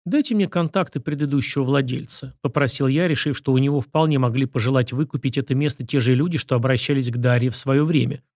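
A man reads a first-person novel in a measured, steady way. His voice sits at a middle pitch. The sound is dry and close, with no room around it. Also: no echo. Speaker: audiobook narrator. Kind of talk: scripted first-person narration.

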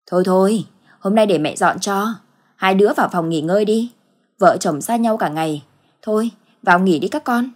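A woman's voice: mid-range voice, normal speed, lightly acted. A woman voicing a scheming, cruel older mother-in-law who puts on a sweet tone. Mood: fake sweet. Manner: sly, feigned sweetness.

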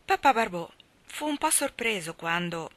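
A woman narrating a classic novel aloud in a measured, expressive storytelling manner. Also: medium pitch, dry recording. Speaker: reader. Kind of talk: audiobook narration.

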